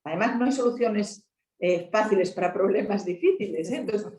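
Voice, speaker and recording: A woman's voice: medium pitch, a little fast, a little mellow, echoey room, poor audio. A woman from Asturias with a Spanish accent in a conversational talk, explaining patiently and peppering her points with tag questions. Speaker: helpline volunteer speaker.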